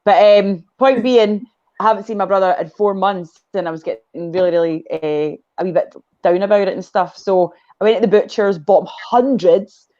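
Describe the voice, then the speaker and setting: A woman's voice: medium pitch, moderate pace, dark tone, lo-fi sound. A Scottish woman chatting as a guest on a video call, telling a long story and drifting off on tangents. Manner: rambling storyteller, goes off on tangents. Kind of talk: casual chat.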